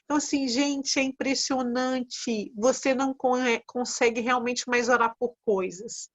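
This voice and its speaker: Animated woman hosting a faith talk. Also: fairly high pitch, measured pace. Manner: animated, acts out prayers in quotes. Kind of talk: casual faith conversation. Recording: dull lo-fi sound.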